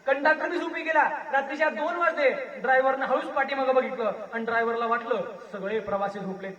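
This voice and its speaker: A man from Maharashtra giving a rousing public lecture on history, a storytelling orator with a booming delivery. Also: quick pace, a bit bright, lo-fi sound. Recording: echoey hall, voice far from mic.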